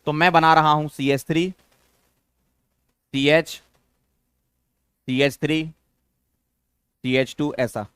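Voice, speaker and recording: A man's voice: a little high, steady tone, slow pace, long pauses, fairly bright tone, clean tone, no echo, clean studio sound. A man teaching a chemistry lesson, coaxing his students with questions and repeating the key terms. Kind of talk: classroom lecture.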